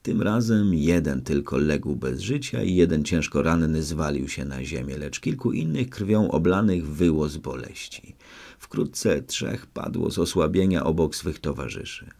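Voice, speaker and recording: A man narrates an adventure novel as an audiobook in the first person. His voice is very low and carries a gravelly fry. He reads in a measured, dramatic way. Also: lively intonation, a little mellow.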